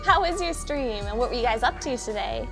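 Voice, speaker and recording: A woman's voice: on the high side, expressive, a little fast, gravelly, over music. A woman livestream host chatting casually in a cute, bubbly anime-streamer manner. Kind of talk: casual chat while cooking on a livestream.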